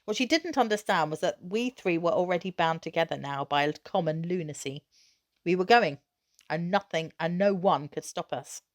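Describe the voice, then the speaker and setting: A teacher with a slightly low voice reads a children's story aloud, animated and expressive, in measured phrases that carry a storyteller's emphasis.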